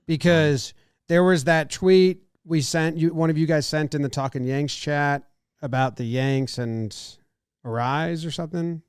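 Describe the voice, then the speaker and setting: This sports podcast co-host speaks a little slowly in a slightly high, clean voice. His chat rambles, full of self-doubt and acted-out thoughts. The studio-quality recording has no echo.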